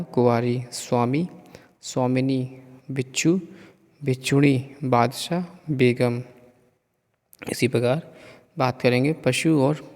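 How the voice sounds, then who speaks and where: Male teacher reading vocabulary pairs slowly, reverberant room. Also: medium pitch, a little mellow. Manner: reads word pairs one by one with pauses. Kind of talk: slow reading of vocabulary lists for a lesson.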